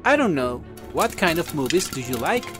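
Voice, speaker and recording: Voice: mid-range voice, big pitch swings, a little slow, music in the background. A performer playing a friendly, chatty companion in an upbeat, exaggerated language-lesson dialogue for children. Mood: friendly, encouraging. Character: friendly, chatty English-speaking companion named Chris.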